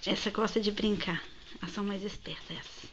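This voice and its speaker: A woman's voice: medium pitch, fairly even intonation, a little fast, highs cut off, background noise. A woman filming her pets at home in a chatty home video, slipping into baby talk with her pets. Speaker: pet owner filming her ferrets. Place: house indoors. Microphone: handheld home video camera.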